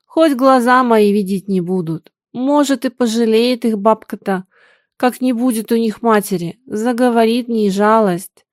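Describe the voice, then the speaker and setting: A woman's voice: fairly high pitch, unhurried, no echo, studio quality, close to an everyday voice. A woman voicing a poor, grieving peasant mother who speaks in plaintive, sighing folk speech.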